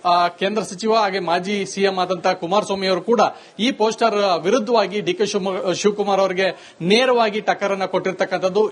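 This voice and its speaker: A male political reporter on a live link, with a clearly high voice. He talks steadily and at length, filling gaps with hesitant sounds as he lays out the story. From Karnataka, India. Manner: fluent reporting with frequent hesitation fillers. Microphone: phone or remote live link.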